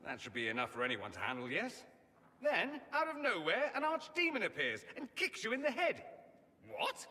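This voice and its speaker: A man's voice: high-pitched, wildly swooping pitch, moderate pace, pushed and bright, long reverb tail, full character voice. An actor playing a witty, self-assured male mage from a foreign empire, theatrical in manner, in video game dialogue.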